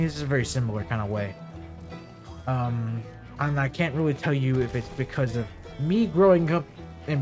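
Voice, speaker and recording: A young man in his twenties with hiccups, giving rambling, profane, casual commentary over his gameplay, full of fillers. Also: medium pitch. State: has hiccups. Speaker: gaming video creator.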